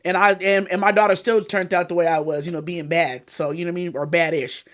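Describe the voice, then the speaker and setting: Her fairly low voice stays steady in tone yet moves fast. She's a thirtysomething Californian guest in a candid interview, frank, long-winded, and reliant on "you know what I mean."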